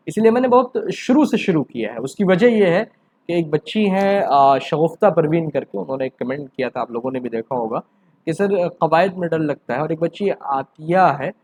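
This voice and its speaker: A man teaching an exam-prep grammar lesson. He asks rhetorical questions and answers them himself, rising to emphatic questions and then dropping low. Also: expressive, a little mellow. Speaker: Urdu teacher.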